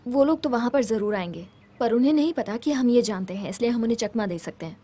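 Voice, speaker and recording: A woman's voice: fairly high pitch, expressive, fast, warm tone, breathy edge. A young woman dubbing a cautious female student who reasons carefully, in a Hindi film dub. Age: young adult.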